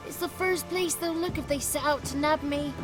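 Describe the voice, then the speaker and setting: A man's voice: very high-pitched, steady tone, normal speed. An actor voicing a small, nervous and cheeky male goblin creature, telling his story in a folksy, rustic way. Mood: fretful. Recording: game audio with loud music.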